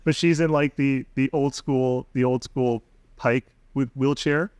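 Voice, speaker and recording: A man's voice: mid-range voice, fairly even intonation, a little slow, darkish tone, smooth, dry recording. Man, mid voice, dry close sound, playful casual podcast chat. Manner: playful, goes into silly voices. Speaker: podcast co-host.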